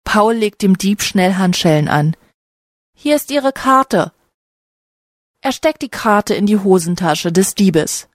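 A woman narrating a short story slowly and carefully, for language learners. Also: mid-range voice, no echo, clean studio sound.

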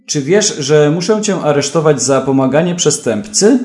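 A man's voice: on the high side, lively intonation, normal speed, darkish tone, roomy sound, natural voice. A man voicing a sardonic male police chief, dry and reproachful, in a storybook reading.

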